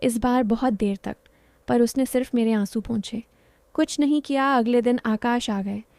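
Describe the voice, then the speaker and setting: A young woman narrating an emotional first-person story in a soft, heartfelt, confiding way. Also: fairly high pitch, moderate pace, no echo.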